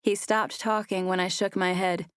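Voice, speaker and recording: Woman, audiobook narrator, first-person romance, soft even delivery, low pitch, dry studio sound. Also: moderate pace, clean tone, no echo.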